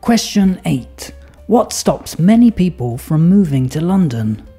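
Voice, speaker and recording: A woman presenting a listening exercise, reading the questions out clearly and steadily. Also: lowish voice, big pitch swings, unhurried, dark tone, soft background music. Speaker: quiz presenter.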